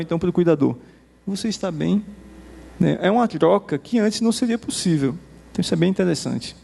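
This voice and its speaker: A Brazilian Portuguese-accented man giving a conversational conference presentation to teachers. He demos software and tags nearly every phrase with a quick "né?". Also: on the high side, vocal fry. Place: conference hall. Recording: reverberant hall.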